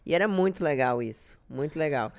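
A woman's voice: low voice, lively intonation, brisk, gravelly. A young woman from Brazil, chatting casually as a podcast guest and telling self-deprecating stories. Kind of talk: casual chat.

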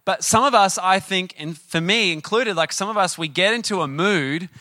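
Chatty male preacher, bright voice. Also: high-pitched, normal speed, dry recording. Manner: chatty, animated, often asks the audience questions. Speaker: pastor. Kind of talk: sermon with personal storytelling.

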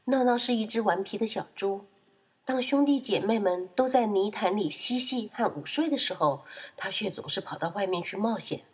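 Lively husky woman reading a kids' story. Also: mid-range voice, normal speed. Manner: expressive, animated, gentle.

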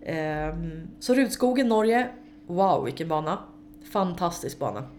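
A woman tells race-day stories in a relaxed interview, her voice lively and unfiltered as she swears freely and laughs at herself. A faint hum sits under the recording. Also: on the low side. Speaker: interview guest, amateur racing driver. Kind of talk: casual interview storytelling.

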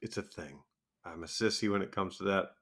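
A male podcast co-host with a somewhat low, wheezy voice. He talks casually and comically, often at his own expense, and breaks easily into laughter. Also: brisk, a bit bright, slightly rough. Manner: self-deprecating, laughs often.

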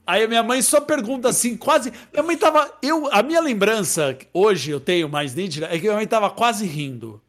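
A man in casual conversation, telling a childhood story in an animated way and laughing often. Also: high voice, a little fast, few pauses, faint music behind.

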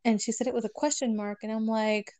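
A woman speaks in a warm, relaxed register, recounting a personal story to a podcast host. She animates quoted dialogue as she goes, and the recording is dry and close with no room sound. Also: fairly high pitch, quick pace, no echo. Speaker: guest telling a personal story. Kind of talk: casual podcast chat.

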